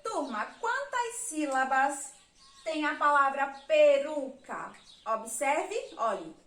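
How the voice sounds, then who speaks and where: Brazilian woman teacher for a children's remote class: high voice, slow and patient, echoey room. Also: sing-song, a bit bright. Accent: Brazilian Portuguese. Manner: slow, patient, counts and spells aloud. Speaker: primary school teacher.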